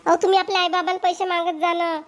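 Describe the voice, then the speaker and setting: This extremely high-pitched woman keeps a level tone and talks fast. She's doing amateur cartoon voice work as a spoiled, argumentative young wife, demanding, whiny, and defiant, in a Vidarbha Marathi accent.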